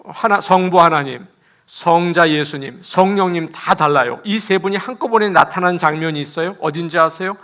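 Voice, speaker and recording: A man, a pastor, preaching an animated sermon in a church, laughing as he talks and acting out quotes. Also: on the high side, normal speed.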